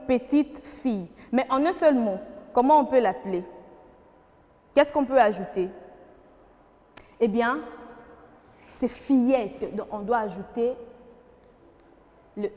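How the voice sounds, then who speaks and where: A woman's voice: high voice, big-room sound. A woman with a Congolese French accent teaching a primary school grammar lesson, patient and questioning, repeating key words for the class.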